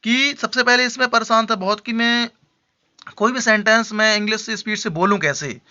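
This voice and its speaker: A man with a high, very bright and sharp voice teaches spoken English. He explains patiently, checks in often with his learners and repeats his example sentences slowly. The recording sounds dull and lo-fi. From India. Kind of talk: Hindi-language English lesson.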